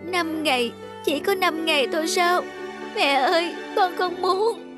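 A woman's voice: very high voice, a little slow. A woman voicing a young girl in a cartoon, childlike and emotional. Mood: worried. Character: young girl, spoiled but loving daughter. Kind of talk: cartoon voice acting. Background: music.

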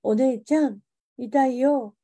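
A woman's voice: high voice, slow pace, dark tone, full character voice. A woman voicing a badly burned young girl who pleads weakly in Hiroshima dialect. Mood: weak plaintive. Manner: weak, plaintive childlike pleading.

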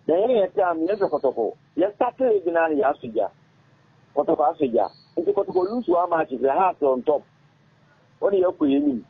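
Speaking as a guest in a casual radio-studio interview, a middle-aged Ghanaian ex-footballer has a raspy, gravelly voice that sits high, its pitch swooping wildly. He talks haltingly, repeats himself, and mixes languages mid-sentence into a studio microphone on an arm. The recording is dry yet muffled, thin and boxy as if over a phone.

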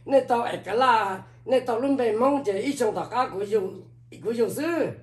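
A man's voice: very high voice, extremely slow. An older man from Laos, an elder storyteller, recalling the past at length with many repeated filler phrases. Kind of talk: oral history recollection. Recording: roomy echo, speaking away from the mic.

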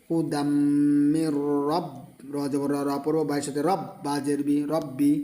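A man's voice: a little high, little pitch movement, normal speed, mellow. A man teaching Quran reading, patiently spelling out each letter and vowel and then chanting the words melodically. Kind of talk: spelling out Quran recitation lesson.

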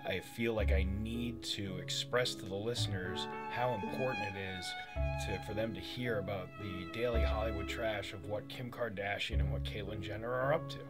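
A man playing a radio personality, talking earnestly and deadpan in a mockumentary interview. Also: lowish voice, normal speed, over loud music, close to an everyday voice.

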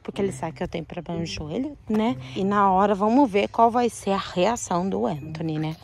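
A woman casually directing a prank in a home video, with quick, chatty instructions. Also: mid-range voice, vocal fry, darkish tone. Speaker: prank accomplice in a vlog. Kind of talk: casual vlog chat.

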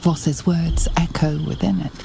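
A grave fantasy game narration as a mysterious woman storyteller. She is hushed and deliberate, slow-paced and low, with music behind her. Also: steady tone, vocal fry.

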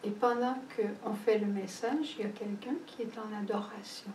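A woman, giving a slow, measured homily on scripture with pauses, recorded in a chapel. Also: mid-range voice, steady tone, darkish tone, a little hiss or hum. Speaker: preacher. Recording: echoey chapel, voice from a distance.

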